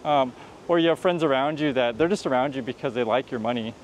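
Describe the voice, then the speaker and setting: This low-quality recording, with a bit of hiss or hum, catches a fast-talking, mid-range man vlogging as he walks near street traffic. His casual commentary is earnest advice, rambling and full of restarts.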